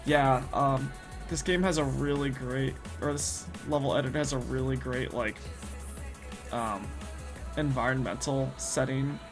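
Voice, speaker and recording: Gravelly man chatting over music. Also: medium pitch. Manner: rambling, laughs often, thinks aloud while working. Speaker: streamer. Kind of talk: casual stream chat. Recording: music playing behind.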